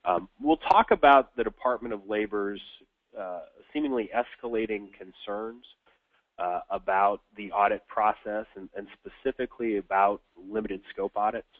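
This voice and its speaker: Low, nasal man on a phone line. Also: no echo. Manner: halting, frequent filler sounds and restarts. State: congested from a cold. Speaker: webinar presenter. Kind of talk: business webinar presentation. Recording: tinny phone-line webinar audio.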